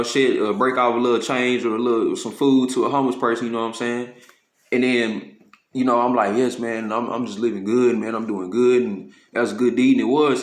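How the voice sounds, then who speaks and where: A man preaching informally to a camera in street slang, with profanity, often asking "you know what I'm saying," and slowing down to read scripture. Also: medium pitch, reverberant. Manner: slows to read scripture aloud. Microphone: phone or camera.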